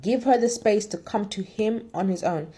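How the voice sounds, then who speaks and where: A woman's voice: mid-range voice, normal speed, mellow, breathy edge. A woman in casual chat, reviewing a drama in a candid, opinionated and rambling way.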